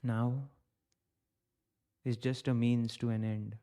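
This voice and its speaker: A man from India, guiding a reflective contemplation in slow, short phrases with long pauses. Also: mid-range voice, flat delivery, mellow. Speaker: contemplation guide. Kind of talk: guided contemplation.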